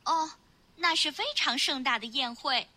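A woman's voice: sits high, normal speed, sharp tone, voice pushed up. A woman voicing two anxious young palace maids in a storybook, speaking in squealing, breathless, worried voices. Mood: polite timid.

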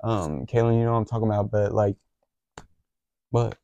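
Rambling gravelly young man. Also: on the low side, normal speed, dark tone, no room sound, muffled recording. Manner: rambling with many fillers and restarts. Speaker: podcast co-host. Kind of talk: casual chat, storytelling.

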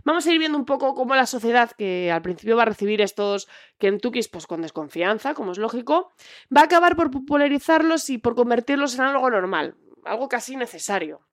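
A woman hosts a book recommendation podcast, her voice sitting a little higher than most. She talks in a chatty, thoughtful way, with plenty of small filler words. The recording is dry, with no room sound. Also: sing-song, fairly quick, no echo. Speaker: podcast host.

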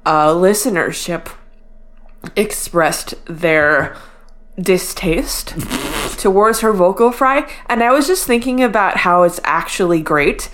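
A woman's voice: fairly low pitch, lively intonation, takes it slowly, fairly bright tone. A woman co-hosting a podcast, chatting casually as she recaps television. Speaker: podcast co-host.

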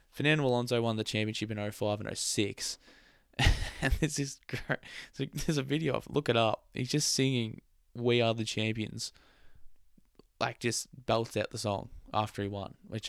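A man's voice: medium pitch, clear, resonant tone, no echo. A young man hosting a casual motorsport podcast, chatty, laughing often and trailing off mid-thought. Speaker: podcast host.

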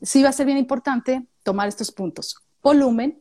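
A woman chatting casually about speaking skills, lively and acting out little voices as examples. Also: high-pitched, normal speed. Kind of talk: casual chat giving speaking tips.

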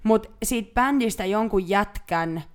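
A young woman co-hosting a podcast, telling long rambling stories in casual chat with lots of fillers. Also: mid-range voice. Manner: rambling, chatty storytelling with many fillers. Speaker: podcast co-host.

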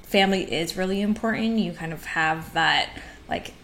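A woman co-hosting a film podcast in casual chat, upbeat and quick to laugh. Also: on the low side, a bit bright, slight background noise. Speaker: podcast co-host.

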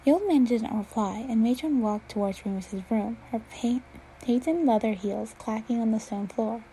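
Woman reading fan fiction aloud, mellow tone. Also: fairly high pitch, normal speed, a little hiss or hum, poor audio. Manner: steady reading with occasional slips and restarts. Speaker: reader.

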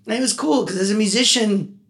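A man, a musician guest on a casual podcast interview, talking in an animated, chatty way that turns heartfelt. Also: high voice, fairly quick, vocal fry. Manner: animated, talkative, gets emotional.

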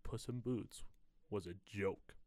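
A man's voice: fairly low pitch, slow, a little mellow. A young man co-hosting a casual podcast, talking in opinionated bro slang. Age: young adult. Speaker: podcast co-host. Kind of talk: casual chat.

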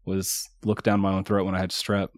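A man's voice: low voice, completely flat delivery, a little fast, dry recording, clean studio sound. A man co-hosting a casual podcast, recovering from a chest cold, rambling through a story and chuckling often. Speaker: podcast co-host. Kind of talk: casual chat.

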